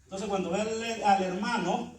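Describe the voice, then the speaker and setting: A man's voice: high voice, fairly even intonation, moderate pace, a little mellow. A man preaching a sermon as pastor of a church, emphatic and acting out little dialogues between people. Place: church sanctuary. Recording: echoey church, far from mic, congregation audible.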